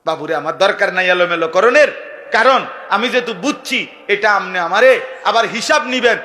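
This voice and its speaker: Male preacher, high and sharp-toned, impassioned and repetitive, building to shouts. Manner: impassioned, repeats phrases, rises to shouts. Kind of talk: fiery sermon at a religious gathering.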